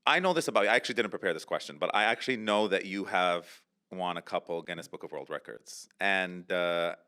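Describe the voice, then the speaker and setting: A man's voice: low-pitched, brisk, pushed and bright, clear, resonant tone. A man hosting a casual podcast chat, playful and teasing, laughing often. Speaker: podcast host. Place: indoor studio with a couch.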